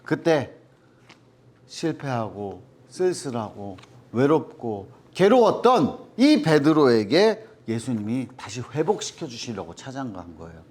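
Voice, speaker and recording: A man's voice: mid-range voice, sing-song, measured pace, darkish tone, slightly rough. A man teaching a children's Bible lesson, asking the kids questions and acting out the quoted voices in the story.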